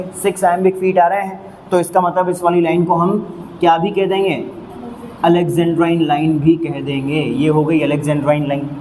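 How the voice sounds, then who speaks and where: A male teacher with a high voice walks through a lesson step by step, counting out each unit aloud and pausing to ask if it is clear. His voice rings with a long reverb, and a faint hiss sits underneath. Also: darkish tone. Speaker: English teacher. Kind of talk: classroom lecture.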